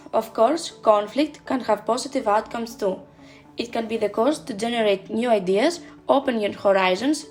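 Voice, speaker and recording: A woman narrating a seminar presentation, reading lists of points in a measured way. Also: a little high. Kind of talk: read slide narration. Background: faint background music.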